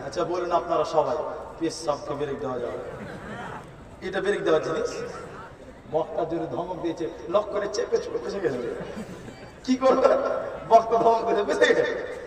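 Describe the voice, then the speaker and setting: A high-pitched man the preaches in a rolling, sing-song chant, swinging between loud rises and quick asides. He is heard far off through a booming public-address system. The sound echoes as if in a large open hall. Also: lively intonation, background noise. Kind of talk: sermon at an outdoor religious gathering.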